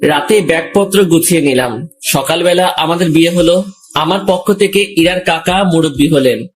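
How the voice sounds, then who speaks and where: A young man calmly narrating a romantic story in the first person, also voicing the male lead. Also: on the high side, normal speed.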